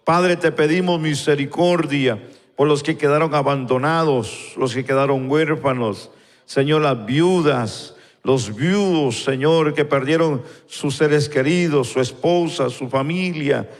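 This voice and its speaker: A man leading a slow, fervent prayer before a congregation, repeating "Lord" between phrases. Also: on the high side. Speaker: pastor. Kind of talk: spoken prayer and sermon. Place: church sanctuary, recorded live. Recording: long church hall reverb.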